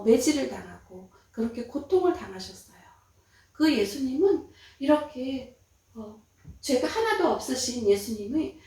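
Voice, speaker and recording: A woman preaching a Sunday school sermon to children, telling the story in an animated way with dramatic emphasis. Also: sits high. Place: church. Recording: echoey room from far off.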